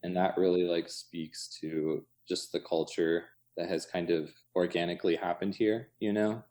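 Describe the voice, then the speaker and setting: Being interviewed about his coffee shop, an American man chats casually, his thoughts coming out in loose fragments sprinkled with "like" and "you know." He has a low, warm voice.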